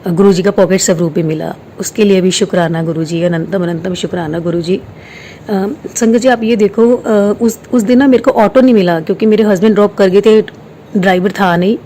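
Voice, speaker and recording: Woman, 30s, mellow devotional storyteller, hesitant, faint hiss behind. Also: mid-range voice. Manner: hesitant, many fillers, mixes in English words. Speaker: devotional storyteller sharing a personal experience. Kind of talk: casual spiritual testimony. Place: quiet room at home.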